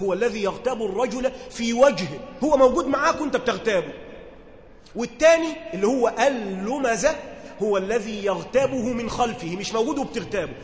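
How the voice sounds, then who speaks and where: A man's voice: high voice, echoey room, long reverb tail, slight background noise. A man with an Egyptian accent teaching a religious lesson. He reads the classical text, then explains it in casual dialect and keeps asking his listeners whether they follow. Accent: Egyptian Arabic. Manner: conversational, asks listeners questions to check understanding. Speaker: teacher explaining Quran commentary.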